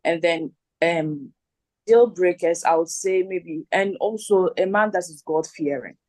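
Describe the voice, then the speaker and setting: A woman in her twenties from Ghana, a contestant giving measured, brief answers over a video call. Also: lowish voice, a little mellow, dry recording, rough recording. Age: 20s. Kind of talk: introducing herself.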